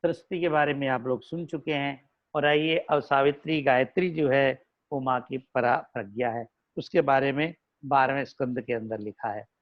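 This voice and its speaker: A man giving a devotional discourse with a Hindi accent, slowly telling stories and breaking into melodic sung verses. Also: mid-range voice, fairly even intonation. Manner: slow, melodic, chants verses. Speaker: religious storyteller. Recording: dull lo-fi recording.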